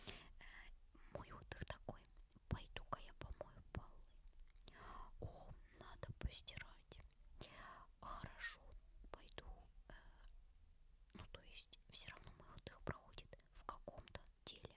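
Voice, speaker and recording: A woman softly whispering casual, personal ASMR chat in a tender, caressing, breathy way, as host to her listeners. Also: a little slow, pauses often.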